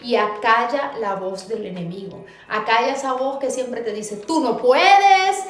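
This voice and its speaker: A woman preaching with fervor to her viewers from a clinic, swinging from soft words to loud emphasis. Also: a little high, fairly even intonation, moderate pace, reverberant. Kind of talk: preaching to the camera.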